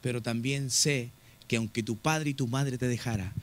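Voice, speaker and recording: A man's voice: mid-range voice, normal speed. A middle-aged man, a pastor preaching earnestly and telling a personal story to his congregation, often calling them brother. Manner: earnest, often addresses listeners as "hermano".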